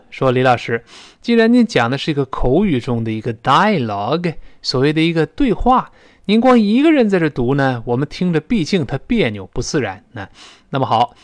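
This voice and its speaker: A man teaching a spoken English lesson who explains pronunciation and slowly models English phrases with a Mandarin Chinese accent. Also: mid-range voice, dry recording, studio quality.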